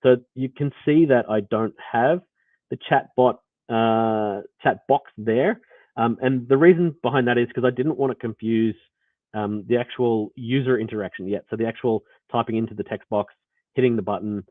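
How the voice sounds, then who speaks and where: A man with an Australian accent and a mid-range voice walks through code live at a moderate pace, rambling with plenty of fillers and restarts. The developer's audio is tinny and phone-like, with no echo.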